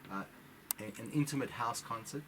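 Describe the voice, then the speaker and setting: A man, a musician and concert organizer, giving details as a radio guest in a steady, practical way. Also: medium pitch, fairly quick, noisy background. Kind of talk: radio interview.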